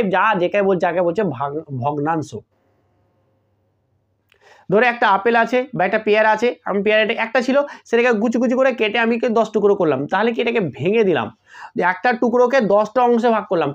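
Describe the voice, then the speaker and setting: Math tutor, man with a high voice, patient step-by-step explainer, dull lo-fi recording. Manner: explains step by step, repeats key terms, checks "got it?" often. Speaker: math teacher. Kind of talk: online exam-prep math lesson.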